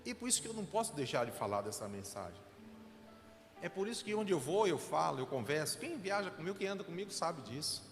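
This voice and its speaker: A man's voice: fairly high pitch, big pitch swings, fast talker, big-room sound, soft background music. A man, a pastor preaching a sermon with an earnest, emotional personal testimony. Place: church sanctuary.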